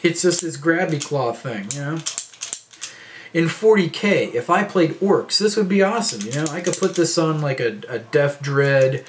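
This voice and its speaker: A man's voice: fairly high pitch, lively intonation, moderate pace, a little hiss or hum. A man in his thirties rambling casually to camera in a vlog, with lots of fillers and restarts. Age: 30s. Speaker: vlogger.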